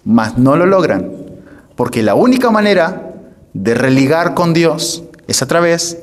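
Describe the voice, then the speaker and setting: A pastor giving a teaching lecture to a congregation, emphatic, repeating phrases and often asking the room whether they follow. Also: male voice, fairly high pitch. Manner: asks the audience frequent checking questions.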